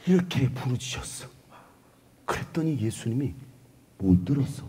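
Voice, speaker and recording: A male pastor preaching a revival sermon at a university chapel, animated and playful with the crowd, often breaking into shouts. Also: medium pitch, moderate pace, slightly rough.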